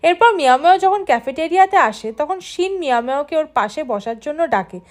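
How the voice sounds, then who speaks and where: High-voiced woman narrating a drama recap. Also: animated, fairly quick. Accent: Bengali. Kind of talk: scripted storytelling narration.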